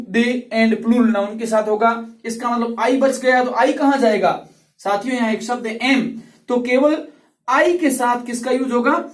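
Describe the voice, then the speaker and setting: A male English tutor explaining grammar rules slowly and patiently, repeating each word and drawing out its sounds. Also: very high voice, distant mic. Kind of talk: classroom grammar lesson. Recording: roomy, voice from off the mic.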